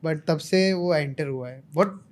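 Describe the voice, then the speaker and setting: A man's voice: on the high side, measured pace, a little mellow. A male content creator chiming in during a casual chat, mixing English phrases into his Hindi.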